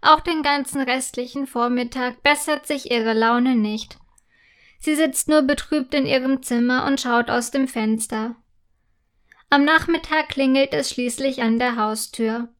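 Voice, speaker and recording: A woman narrating a children's story in a gentle, clearly articulated way. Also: high voice, unhurried.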